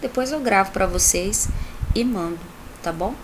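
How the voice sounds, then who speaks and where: Chatty Brazilian teacher explaining a lesson. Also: female voice, mid-range voice, normal speed, a little hiss or hum. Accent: Brazilian Portuguese. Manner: chatty, explains with many tag questions. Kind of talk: recorded online class. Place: at home.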